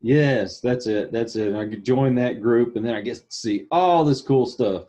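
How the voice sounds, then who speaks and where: A man chatting casually as an interviewer, informal and animated, acting out his reactions. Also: mid-range voice, normal speed, lo-fi sound. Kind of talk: casual chat.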